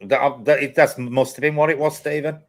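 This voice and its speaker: A man's voice: on the high side, flat delivery, normal speed. A man chatting casually as a live host, telling personal stories in a blunt, repetitive way. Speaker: host of a paranormal live chat.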